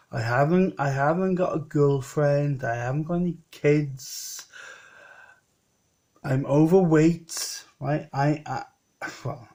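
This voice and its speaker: In a medium-pitched, slightly mellow voice, a vlogger in his late thirties talks rambling and personal, frequently restarting and saying things again.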